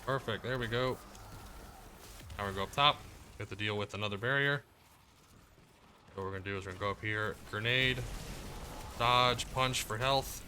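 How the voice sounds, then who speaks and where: A man giving casual commentary as he plays through a video game guide, relaxed and explaining as he goes. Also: fairly low pitch, moderate pace, long pauses, a little hiss or hum. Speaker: gaming guide creator. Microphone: desk mic, muted to cough.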